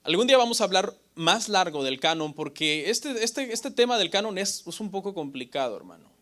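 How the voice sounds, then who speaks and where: A man's voice: high voice, expressive, brisk, bright, forceful tone. A male pastor giving a Bible teaching lecture, asking his listeners questions and answering them himself, often adding "ok?" and "brother". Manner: often adds "hermano" and "ok?".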